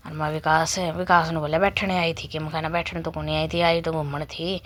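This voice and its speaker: A young woman with a Haryanvi accent, chatting through a casual vlog and acting out her family's lines as she tells each story. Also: low-pitched. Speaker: vlogger.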